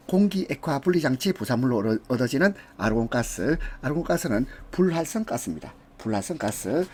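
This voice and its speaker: Husky-voiced man giving an exam prep lecture. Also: mid-range voice, a little mellow. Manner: walks through answers step by step, with casual asides.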